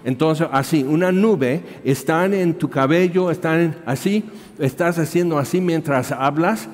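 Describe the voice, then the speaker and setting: A man's voice: on the high side, unhurried. A man, preaching as a missionary and animatedly telling a story from his work. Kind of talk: storytelling sermon. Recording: reverberant hall.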